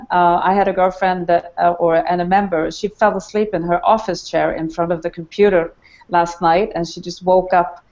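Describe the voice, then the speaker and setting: A woman chats cheerfully on an online call in loose, running sentences. Her voice sits on the lower side for a woman. The audio is muffled and lo-fi. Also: darkish tone. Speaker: panel guest. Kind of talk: casual self-introduction.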